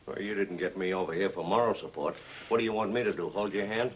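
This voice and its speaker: A man's voice: deep voice, fast, a little hiss or hum, lightly acted, rough recording. An actor playing a skeptical, sarcastic tough guy in an old crime drama, talking in hard-edged slang.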